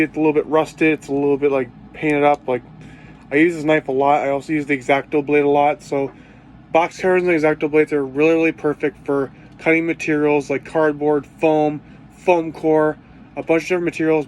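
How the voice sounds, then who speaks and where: A man with a sore throat talking low in a casual cosplay tool tutorial vlog, rambling and hunting for words with many fillers. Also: a little hiss or hum. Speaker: cosplay vlogger.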